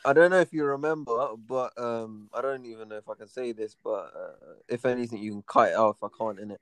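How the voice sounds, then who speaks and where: A young man with a London roadman accent, chatting casually in a halting, slangy way and often circling back over phrases. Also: medium pitch, no echo. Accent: London roadman, urban slang. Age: young adult. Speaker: podcast speaker. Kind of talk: casual chat.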